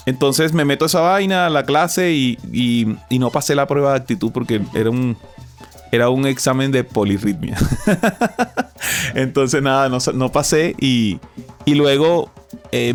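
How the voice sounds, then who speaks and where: A Colombian man, a musician guest in an interview, telling his story in a relaxed, hesitant way with many fillers and restarts. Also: medium pitch.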